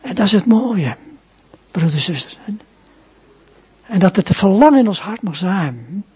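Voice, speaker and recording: An earnest male preacher delivers a sermon and then a prayer, often tacking short questions onto his sentences. His voice is very husky and dark. The recording sounds dull and muffled. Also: high-pitched, very animated, unhurried. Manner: earnest, often adds a soft tag question.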